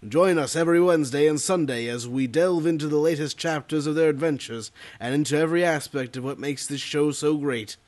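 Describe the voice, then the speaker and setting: Stuffed-up man doing dramatic trailer voice. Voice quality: congested, stuffed-up nose. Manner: dramatic, deliberately deepened voice. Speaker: podcast promo reader. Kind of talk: movie-trailer style promo reading.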